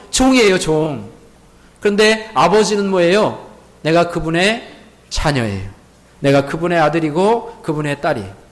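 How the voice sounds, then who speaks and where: A man with a notably high voice preaches a Sunday sermon from a church. He keeps firing questions at the congregation and hammers key words by saying them twice. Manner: leads the congregation in call-and-repeat. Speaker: pastor. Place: church sanctuary.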